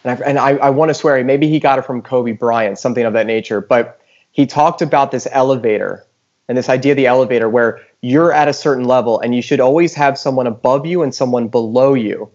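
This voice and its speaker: A man's voice: mid-range voice, a little fast, darkish tone, muffled recording. A man hosting a podcast, asking long, searching questions in casual talk. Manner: rambling, searching for words. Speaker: podcast host.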